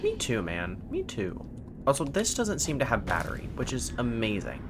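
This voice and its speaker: A man's voice: mid-range voice, huge pitch swings, fairly quick. A young man streaming a horror game with scared, jumpy commentary and sweary, sarcastic asides. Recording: faint-to-clear game noise behind voice. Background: horror game ambience.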